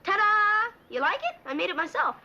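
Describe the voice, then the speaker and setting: A defiant, wisecracking teenage girl in a seventies TV drama. Her voice is high and bright, on a dull, faintly noisy old soundtrack. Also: very animated, moderate pace, full character voice. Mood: brash, teasing. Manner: blunt, wisecracking. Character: sassy, defiant teenage girl with a tough front. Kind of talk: 1970s TV drama acting.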